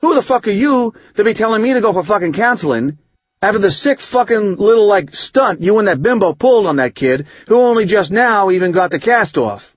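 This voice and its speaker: A man reading an audiobook, voicing a furious, sharp-tongued sister who shouts with contempt. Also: sits high, animated, brisk, dry recording, lo-fi sound, voice pushed up.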